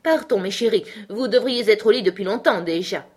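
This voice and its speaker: A woman's voice: mid-range voice, brisk, a little mellow, breathy edge, close to an everyday voice. A woman reading the part of a mother canary calling to her young with a trembling voice. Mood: anxious.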